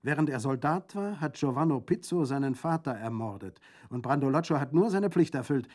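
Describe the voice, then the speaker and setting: A man's voice: medium pitch, expressive, fairly quick, darkish tone, pitched above the performer's own voice, lightly acted. A man reading the part of a fierce, proud young Corsican woman who speaks earnestly and insistently.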